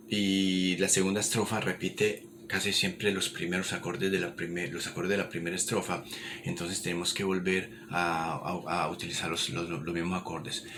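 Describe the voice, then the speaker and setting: A man, giving an informal language lesson in a repetitive, encouraging way. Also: low voice. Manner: repetitive, encouraging, many restarts. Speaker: English teacher. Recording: noticeable background noise.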